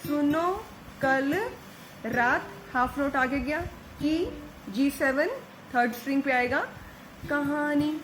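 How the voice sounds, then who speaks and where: A woman giving a patient step-by-step guitar lesson, singing short lyric snippets slowly between explanations. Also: high voice, a bit bright, low-quality recording. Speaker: guitar teacher. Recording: faint guitar behind voice.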